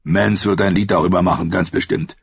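A man playing a booming, laughing wildling chief. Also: steady tone, fairly quick, vocal fry, slightly rough, no room sound, exaggerated voice. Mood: roaring jovial. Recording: muffled lo-fi recording.

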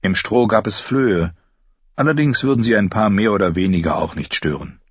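A man reading an audiobook as narrator, in a lively, expressive way, in a dry, slightly dull lo-fi recording. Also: on the low side, normal speed, slightly rough, dry recording. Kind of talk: scripted narration.

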